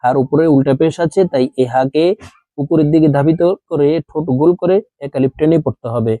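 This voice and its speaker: Male Quran reading teacher, Bangladeshi Bengali accent, slow drilled recitation, mellow fairly high voice, dry close sound. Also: steady tone, no room sound, poor audio. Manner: spells each syllable then draws out the joined word; quicker explanatory asides between drills. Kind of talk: slow spelled-out recitation lesson.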